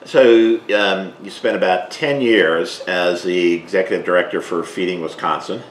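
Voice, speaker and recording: A man hosting an interview, asking long questions in a relaxed way with plenty of fillers. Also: low-pitched, moderate pace. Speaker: host. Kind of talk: casual interview. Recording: echoey room with faint noise.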